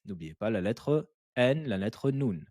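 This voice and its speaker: A man's voice: on the low side, animated, darkish tone, dry recording, studio quality. A man teaching Quran recitation step by step, patiently repeating syllables and encouraging the learner. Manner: patient, drills syllables slowly and repeats them; encouraging, praises the learner often. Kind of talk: step-by-step tajwid lesson.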